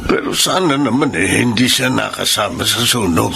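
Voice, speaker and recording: An older man playing a calm, kindly grandfather in a radio drama. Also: lowish voice, moderate pace, vocal fry. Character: gentle old grandfather. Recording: radio drama with noisy background.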